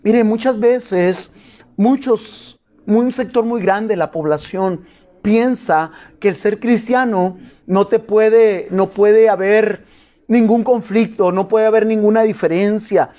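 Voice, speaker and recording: A man's voice: high voice, slow pace, mellow, muffled recording. A pastor preaching a sermon to his congregation, asking them questions as he goes.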